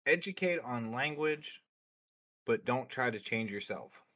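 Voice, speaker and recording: A man's voice: medium pitch, expressive, unhurried, sharp tone. A man being interviewed as a streamer, talking bluntly with lots of swearing and fillers. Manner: outspoken, opinionated. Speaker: streamer guest. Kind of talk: casual interview chat.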